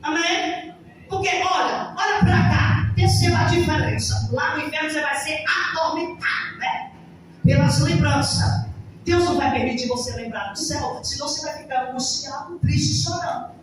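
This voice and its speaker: A woman's voice: sits high, moderate pace. Fervent woman pastor in an echoey church. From Brazil. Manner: fervent, calls out to the congregation. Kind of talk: pentecostal sermon. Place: church hall. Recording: echoey church hall, mic far off, noisy.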